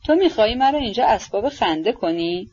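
A woman's voice: fairly high pitch, expressive, a little mellow, slightly rough. A woman reading the lines of an imperious, hot-tempered older noblewoman in an audiobook, scolding and indignant. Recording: dull lo-fi audiobook recording.

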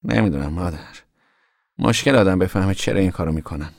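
An actor playing an easygoing young farm son in a radio drama, talking casually. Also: male voice, low-pitched, vocal fry, a little mellow, no room sound. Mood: unsure.

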